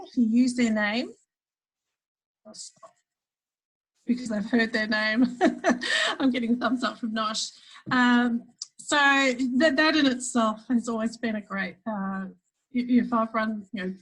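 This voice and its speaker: A woman's voice: a little high, a little slow, a bit bright, rough recording. An Australian woman leading an online workshop over a video call, chatty and often restarting her sentences while explaining. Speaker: webinar facilitator. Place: home office, standing.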